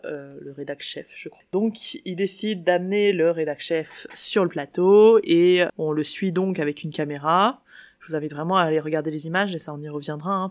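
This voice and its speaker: A woman hosting a podcast, talking casually in a chatty commentary with frequent fillers, a little tired. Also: lowish voice. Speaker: podcast host.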